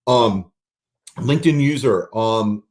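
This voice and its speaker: A man hosts a casual podcast chat. His voice sits at an ordinary middle pitch. He explains patiently and spells words out letter by letter when it matters. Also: slow pace, darkish tone. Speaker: podcast host.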